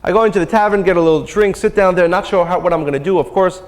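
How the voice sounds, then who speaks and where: A man's voice: high-pitched, very fast. A man teaching a spiritual seminar, telling a story and drawing a lesson, earnest and repeating phrases for emphasis. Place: lecture hall.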